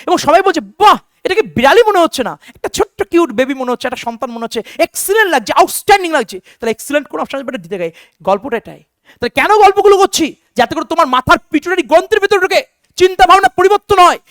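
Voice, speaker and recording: A man's voice: extremely high pitch, a bit bright, dry recording, clean studio sound. A man teaching an online exam-prep lesson, drilling answers with repeated questions and calling his students "বেটা".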